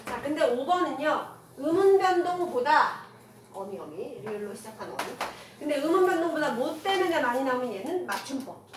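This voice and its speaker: A woman teaching a classroom grammar lecture, firing quick rhetorical questions at her students and mixing casual with polite speech. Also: high-pitched, lively intonation. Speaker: Korean language teacher. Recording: echoey room from far off, noisy.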